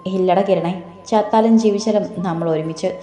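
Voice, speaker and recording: A man's voice: high voice, brisk, natural voice. A woman voicing a confident, teasing young man who protects his family. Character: young man, bold and protective older brother. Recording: echoey room, soft music behind.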